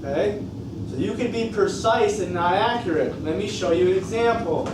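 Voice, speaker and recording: A man's voice: high-pitched, normal speed. A man with a North Dakota accent teaching a class, explaining step by step and often checking in with short questions. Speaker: science teacher. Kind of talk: classroom lecture with questions to students. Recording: echoey classroom from far off, noisy.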